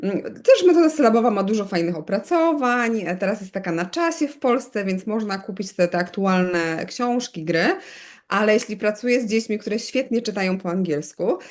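A middle-aged woman from Poland, a teacher of bilingual children, speaking in an easygoing interview. She explains at length, keeps turning to her listener with quick asides, and fills pauses with small hesitations. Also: medium pitch, animated. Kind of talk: conversational expert interview.

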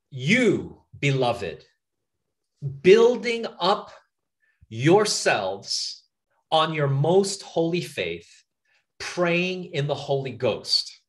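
Animated, emphatic male preacher. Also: mid-range voice. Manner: earnest, repeats phrases for emphasis, asks listeners to think. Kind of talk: sermon. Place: outdoor camp meeting.

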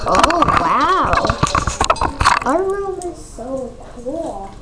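A woman comments on her game in a high, bouncing voice full of gasps and exclamations. She talks slowly. Her pitch swings widely from one exclamation to the next. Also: heavy background noise. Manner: excitable, exclaiming, gasping. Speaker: gamer. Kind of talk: gameplay commentary.

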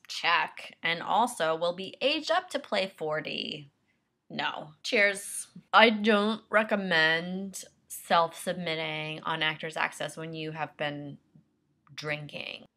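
A young woman with a low, gravelly voice that still cuts through bright and sharp. She talks through a comedy sketch in a dry, sarcastic, deadpan way, with music faint behind her. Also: takes it slowly. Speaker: actress. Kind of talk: comedic self-tape sketch.

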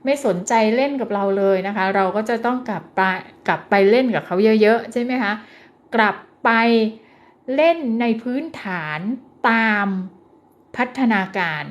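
A woman teaching parents how to encourage a child's speech, gentle and coaxing, who slows down and stresses words when she demonstrates. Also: on the high side, highs cut off. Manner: gentle, coaxing, often ends phrases with polite particles. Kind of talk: parenting advice lesson.

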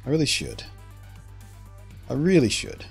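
A man's voice: medium pitch, wildly swooping pitch, unhurried, creaky, slightly rough, soft background music. Rambling, opinionated male streamer. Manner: rambling, opinionated, trailing off and restarting. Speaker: streamer answering chat. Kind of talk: casual live-stream chat.

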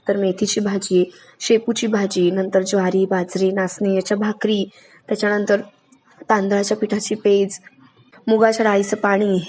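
A woman's voice: medium pitch, warm tone, lightly acted. A woman playing a firm, self-assured daughter-in-law. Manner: firm, matter-of-fact.

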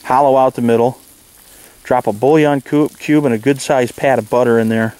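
A man in his forties, relaxed and rambling with many ums and uhs, talking casually about camping in the snowy woods to a camera mic. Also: medium pitch, moderate pace. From Michigan, USA. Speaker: outdoor vlogger. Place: snowy woods outdoors, under a tarp shelter.

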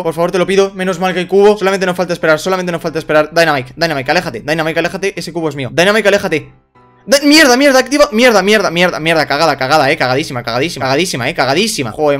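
Young man, gaming commentary, very fast talker, fairly high voice, faint music underneath. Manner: excitable, shouts and repeats himself. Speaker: gaming YouTuber. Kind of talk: live gameplay commentary.

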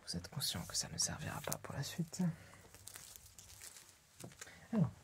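Playing a fussy, courteous tailor in a mock workshop, the young ASMR performer whispers breathily and hesitantly to his client. His mid-range voice is creaky and a bit bright, swinging hugely in pitch at a quick pace, close to the ASMR mic in the small room.

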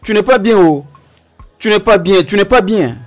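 A man dubbing a French film, playing a doting husband who fusses over his wife and keeps apologizing and urging her to go slowly. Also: mid-range voice, lively intonation, faint music behind, close to an everyday voice. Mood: anxious fussing. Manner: fussing, repeating apologies and "slowly". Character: doting husband, fussy and attentive.

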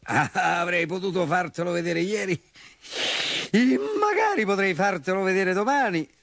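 A man voicing a boastful, lazy and dim-witted bull in a storybook, bragging loudly in rhymes. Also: high-pitched, expressive, moderate pace, gravelly, no echo, clean studio sound, voice pushed up, heavily acted. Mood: excuse-making. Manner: loud bragging sing-song rhymes.

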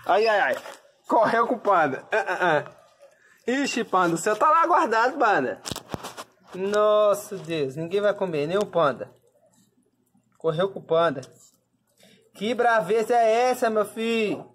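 Slow, cooing Brazilian pet owner. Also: medium pitch, expressive, fairly bright tone. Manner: coos at the dogs in affectionate baby talk. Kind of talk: casual pet vlog narration. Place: home with pets, while feeding dogs. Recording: echoey room with noise. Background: dogs barking and growling.

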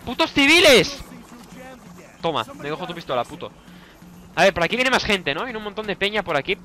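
A young man with a Spanish accent from Spain, giving let's play commentary, excitable and shouting orders at his teammates while swearing constantly. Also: sits high, fast talker, faint music behind. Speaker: gaming YouTuber.

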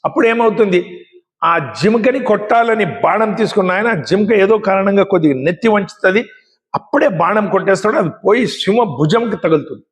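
A man's voice: high voice, lively intonation, a little fast. A man giving a dramatic, exhortative moral-story speech to young people, with lots of repetition. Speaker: motivational speaker. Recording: echoey hall with long reverb.

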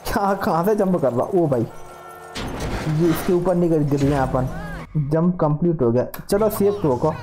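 A man streaming a video game, chatting casually with viewers and shouting excitedly at the action. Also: on the high side, normal speed, soft background music. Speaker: gaming streamer. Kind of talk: casual live gameplay commentary.

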